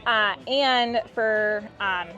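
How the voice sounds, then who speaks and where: Very slowly and with a sharp tone, a woman with a mid-range voice explains her company's product. It's an upbeat, informal demo within an interview. Music sits behind the muffled, band-limited sound.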